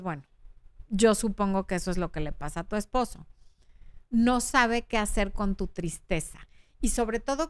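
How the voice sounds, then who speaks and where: Frank and chatty, a Mexican Spanish-accented woman in her thirties reads viewer comments on her relationship advice program, dramatizing the quoted voices. She has a smooth, slightly high voice, recorded dry.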